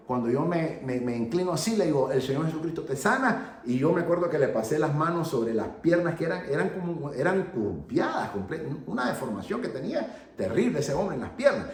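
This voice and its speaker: A man preaches like an evangelist, telling his story with a lively, swooping voice that sits a little high. He laughs at himself as he goes. The sound carries the echo of a roomy hall. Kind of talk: sermon testimony teaching.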